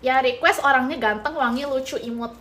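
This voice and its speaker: A woman's voice: high-pitched, steady tone, a little fast, a bit bright. A young woman from Indonesia hosting a live mukbang stream, chatting casually with viewers and teasing them, with playful repetition and bits of English. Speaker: mukbang livestreamer. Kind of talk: casual live-stream chat reading comments.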